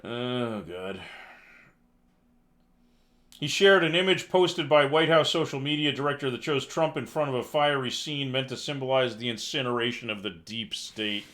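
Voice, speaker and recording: A man reads news headlines on a live stream, then breaks off to mock them with sighs and dry sarcasm. His voice has a bright, forward edge, and his pitch sits in an ordinary middle range. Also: a little fast, few pauses. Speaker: livestream news commentary host. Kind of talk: casual live news commentary.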